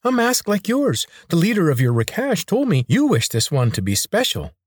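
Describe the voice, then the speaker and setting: Fawning servant, shrill, eager to please; voiced by a man. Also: huge pitch swings, normal speed, no echo, studio quality, heavily acted.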